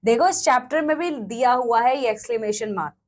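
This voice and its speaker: A young woman with an Indian accent teaching an English textbook lesson, mixing Hindi and English, reading sentences out slowly and checking in often. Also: a little high, animated. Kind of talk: classroom lesson explanation.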